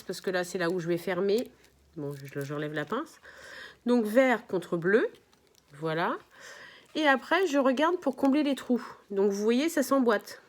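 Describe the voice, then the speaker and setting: Woman demonstrating a craft project. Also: on the high side. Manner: chatty, explains while working, often apologizes. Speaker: crafts tutorial host. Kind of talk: casual step-by-step craft demonstration.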